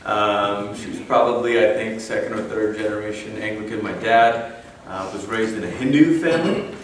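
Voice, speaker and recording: A Malaysian man in his thirties, a guest speaker, gives a personal testimony talk that's conversational and full of fillers and restarts. His voice is fairly low, at a moderate pace, heard from a distance in an echoey hall with slight background noise.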